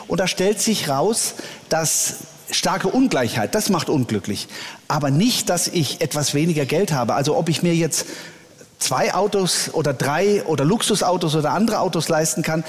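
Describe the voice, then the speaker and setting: A man, a church leader, answering interview questions earnestly, often pausing with hesitations. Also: a little high, expressive. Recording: long reverb.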